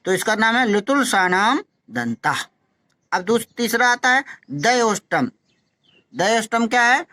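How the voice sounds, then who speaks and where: A male teacher giving a phonetics lesson, who slowly demonstrates each sound, repeats syllables and urges his students to practise. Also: high voice, sing-song, sharp tone, no room sound.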